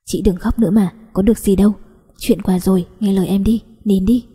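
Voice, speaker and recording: A woman's voice: mid-range voice, fairly even intonation, fairly quick, warm tone, husky, long reverb tail. A coaxing young cousin, as a woman reader voices him. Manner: coaxing, tender and scolding.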